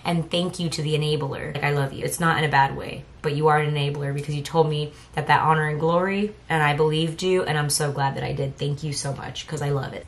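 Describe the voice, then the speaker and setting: Low-voiced chatty woman reviewing fragrances. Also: fairly bright tone. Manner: chatty, rambling, self-correcting. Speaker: fragrance vlogger. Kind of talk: casual product review chat.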